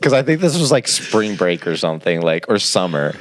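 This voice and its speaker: A young man in his twenties co-hosting a podcast, telling a rambling, animated story and laughing as he goes. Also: low-pitched, brisk, slight background noise. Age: 20s. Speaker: podcast co-host. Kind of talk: casual storytelling chat.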